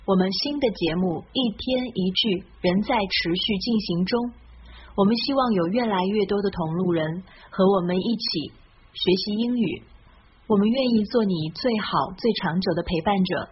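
Gentle woman teaching English sounds. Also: mid-range voice, lo-fi sound, a little hiss or hum. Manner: gentle, encouraging, drawn-out model pronunciations. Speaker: host of an English pronunciation lesson. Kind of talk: friendly scripted lesson narration.

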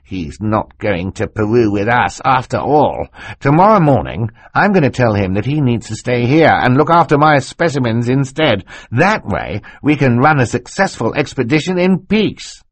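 A man voicing an excitable, fussy older male snake scientist in an audiobook, talking over others. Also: medium pitch, normal speed, husky, no echo, pitched above the performer's own voice. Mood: excited. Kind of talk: audiobook character voice.

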